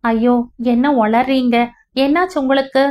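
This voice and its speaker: A woman's voice: a little high, fairly even intonation, moderate pace, lightly acted. A woman reading the part of a playful young wife who teases her husband, voice raised above her narration. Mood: worried. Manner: teasing, affectionate.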